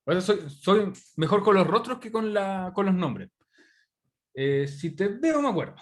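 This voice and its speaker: This Chilean man's voice is high-pitched and sing-song, and he speaks a little slowly. Teaching an online English class in Spanish, he's chatty and keeps checking in with students through frequent questions, recorded on a video call's computer microphone.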